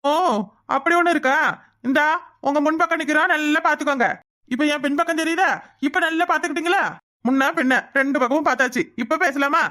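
A woman's voice: sits high, fairly even intonation, fast, a bit bright. A woman voicing a teasing, persistent village bachelor in a cartoon, with a southern Tamil accent. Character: cheeky balding village bachelor, teasing suitor. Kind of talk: cartoon voice acting.

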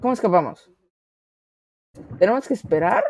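A woman chatting casually through a game, excitable and quick to shriek and repeat herself. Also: medium pitch. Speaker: gamer. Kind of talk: casual gameplay chat.

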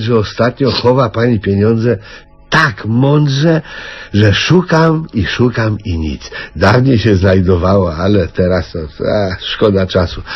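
An actor playing a mischievous, deadpan prankster in a comedy radio play, talking in dry, unhurried lines, on a dull old radio recording. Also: male voice, on the low side, slightly rough. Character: mischievous, deadpan middle-aged prankster man. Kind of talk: 1970s radio comedy acting.

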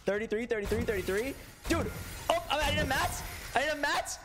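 A young man raging while he streams a game, yelling and swearing as he plays. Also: very high-pitched, animated, a little fast, very noisy. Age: young adult. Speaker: gaming streamer. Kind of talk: excited live gameplay commentary. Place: small bedroom. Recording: loud game gunfire and music.

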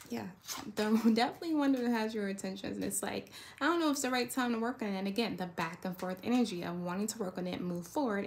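Gravelly and mid-range, a woman's voice carries through a noisy background as she reads tarot casually. Her talk rambles, conversational in tone, punctuated by "right?" and "you know" to check in.

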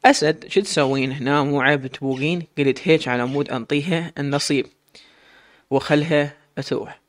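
A man's voice: on the high side, steady tone, brisk, close to an everyday voice. A man reading a stern young sheikh. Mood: curious. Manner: commanding, stern.

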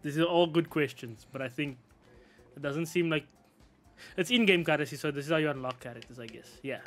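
A man's voice: on the high side, a little fast, faint music behind. Laid-back slangy gamer guy. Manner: slangy, laid-back, thinks aloud with frequent laughs. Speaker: gaming YouTuber. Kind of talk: casual game walkthrough commentary.

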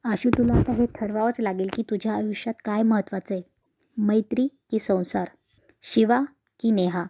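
Blunt firm older mom lady reading, flat delivery. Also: mid-range voice, normal speed, dry recording, natural voice. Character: blunt older mother, demanding.

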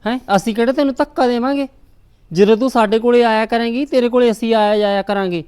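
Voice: medium pitch, steady tone, quick pace, a little mellow, smooth, natural voice. An actor with a Punjabi accent playing an agreeable village uncle who soothes and reassures. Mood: soothing. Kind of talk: village drama acting.

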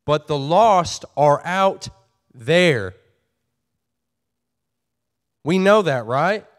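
A man's voice: fairly high pitch, animated, extremely slow. A pastor preaching a sermon to his church, earnest and folksy, often repeating and restarting his phrases.

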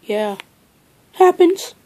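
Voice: very high-pitched, animated, drawn-out words, dark tone, voice pushed up, heavily acted. A performer voicing a nonchalant female owl in a cartoon puppet show, with a coy drawl.

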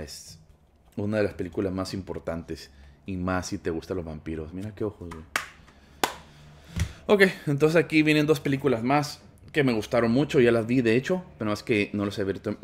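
A young man with a Mexican Spanish accent, chatting casually and with plenty of slang while he unboxes movies for his vlog. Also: lowish voice.

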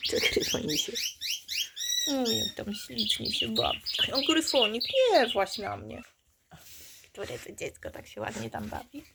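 Slow, cooing woman with gravelly lows. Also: huge pitch swings, very noisy. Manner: cooing, affectionate baby-talk to the puppies, often dropping to a whisper. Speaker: dog breeder. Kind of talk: casual talk to her puppies on camera. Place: indoors at a puppy pen.

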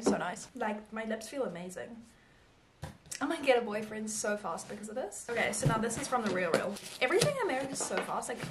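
A woman's voice: on the high side, a little hiss or hum. A young South African woman vlogging in a bubbly, gushing way, talking to a small handheld camera. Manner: bubbly, gushing, lots of fillers. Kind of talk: casual chat to camera.

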